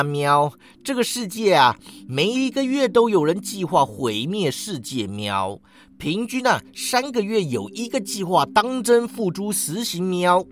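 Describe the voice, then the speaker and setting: A man's voice: high-pitched, fairly bright tone, heavily acted. A man voicing a smug meowing orange cat. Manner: ends lines with a meow, drawling. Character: smug lazy male talking orange cat.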